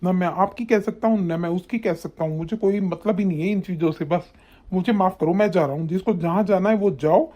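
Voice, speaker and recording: A woman voicing an exasperated young husband caught in the middle, in an animated story, with a weary delivery. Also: on the low side, fairly quick, natural voice.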